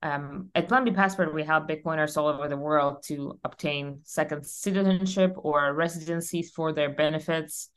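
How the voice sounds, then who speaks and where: A woman's voice: deep voice, fairly even intonation, normal speed, hardly any pauses, fairly bright tone, clear, resonant tone. A young woman from Russia, a podcast guest, talking energetically and emphatically with frequent fillers in a conversational interview. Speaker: podcast guest, company founder.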